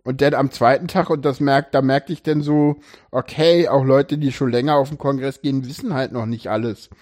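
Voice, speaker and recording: A man's voice: medium pitch, steady tone, normal speed, a little mellow. A man hosting a casual group podcast chat, telling stories with many restarts and fillers. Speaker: podcast host.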